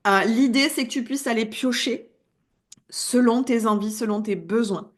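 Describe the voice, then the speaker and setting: A woman with an accent in French, a coach giving a casual, lively video lesson and laughing at herself as she talks. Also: fairly high pitch, moderate pace. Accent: non-standard French accent. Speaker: wellness coach.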